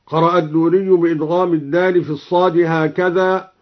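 A man's voice: fairly high pitch, little pitch movement, brisk. A man teaching how verses are recited, explaining each variant plainly and then chanting the verse as an example. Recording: dull lo-fi radio broadcast.

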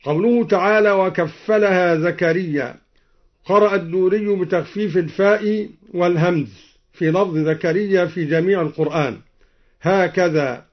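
A man teaching Quran recitation, explaining each reading and then chanting it slowly and melodically. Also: high-pitched. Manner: switches between plain explanation and slow melodic chanting. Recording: muffled lo-fi recording.

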